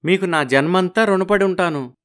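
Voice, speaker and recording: A poor village father from an animated storybook, gentle and humble, with a pleading tone. His voice sits a little above the usual male pitch. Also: moderate pace.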